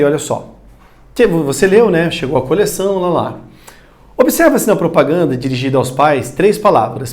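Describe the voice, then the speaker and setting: A man with a Brazilian Portuguese accent teaching a recorded video lesson, talking straight to the viewer and loudly calling out example words. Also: on the high side. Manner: animated, addresses viewer directly, shouts example words.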